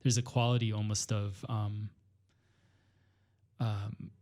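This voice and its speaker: A man's voice: fairly low pitch, level tone, takes it slowly, darkish tone. Thoughtful hesitant man from Illinois. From northwestern Illinois, US. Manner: thoughtful, hesitant, many fillers and restarts. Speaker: guest poet and teacher. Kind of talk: reflective conversation.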